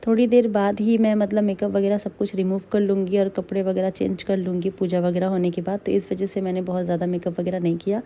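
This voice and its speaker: A young woman narrates her vlog in a loose, chatty voice-over. Her voice is slightly hoarse and very warm and dark. She speaks with little rise and fall and sounds worn out. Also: medium pitch, level tone, fast, hardly any pauses. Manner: chatty, rambling, tired. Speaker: vlogger.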